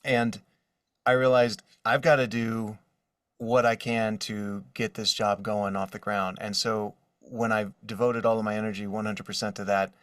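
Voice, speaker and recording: This interview guest, a voice actor, talks casually about his work in an indoor room backed by drawings. His lowish voice is clear and resonant, moving little in pitch at a moderate pace. The audio is studio-clean yet roomy, captured by a distant mic.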